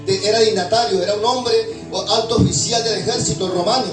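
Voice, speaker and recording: A man preaching a sermon in a high voice, pausing to call out questions for the congregation to answer back. He sounds distant from the microphone in a roomy, echoing hall. Music plays clearly behind his voice. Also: steady tone. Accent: Latin American Spanish. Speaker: pastor. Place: church hall. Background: background music.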